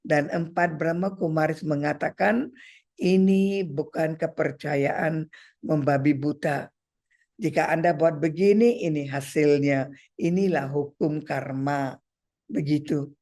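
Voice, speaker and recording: A spiritual teacher addressing a gathering at a slow, unhurried pace. The delivery is measured and deliberate, pausing between phrases and repeating key words while counting points off one by one. The voice sits at an ordinary middle pitch. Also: fairly even intonation, darkish tone. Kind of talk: spiritual talk to an audience.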